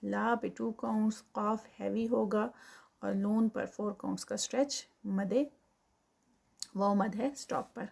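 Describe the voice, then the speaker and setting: A woman teaching Quran recitation. She chants verses slowly and drawn out, then explains the rules quickly, mixing in English counting terms. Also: mid-range voice, fairly even intonation, creaky, a little mellow, husky. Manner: mixes English counting terms into her speech.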